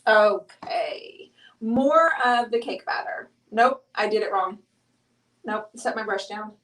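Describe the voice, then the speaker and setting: Painting on her live-streamed show, a middle-aged host chats, teases, and thinks out loud as she works. Her voice is medium-pitched, fairly bright, and slow, picked up from a distance with a roomy sound.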